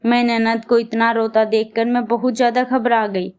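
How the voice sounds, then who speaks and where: A woman's voice: fairly high pitch, level tone, normal speed, a little mellow, smooth. Woman narrating a story, lo-fi. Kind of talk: first-person storytelling narration.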